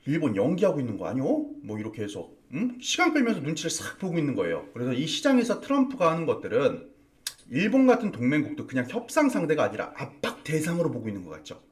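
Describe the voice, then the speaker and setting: A man's voice: on the high side, huge pitch swings, quick pace, recorded from a distance. A man hosting a morning stock market commentary broadcast, emphatic and fond of repeating key words for stress. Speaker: stock market strategist and host. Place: broadcast studio.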